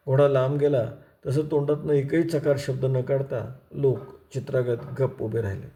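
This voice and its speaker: Man reading a novel out loud, vivid dramatic narration, soft warm tone. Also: mid-range voice. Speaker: storyteller, lecturer. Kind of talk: reading a novel aloud in episodes.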